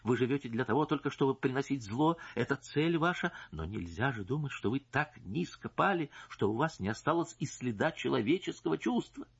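A man voicing a distraught, indignant married noblewoman who pleads and accuses in a shrill, strained voice. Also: very animated, a little fast, vocal fry, few pauses, husky, highs cut off, full character voice. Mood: pleading.

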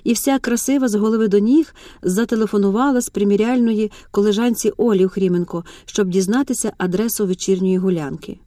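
A woman narrating an audiobook in a measured, dramatic manner. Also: medium pitch, mellow, no room sound, studio quality.

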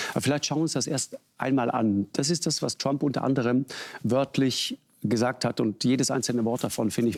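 A man with a gravelly edge to his voice hosts a political talk show from a television studio. He speaks in a measured, questioning way, pausing with the odd filler sound as he introduces guests. His pitch sits in a middle range for a man.

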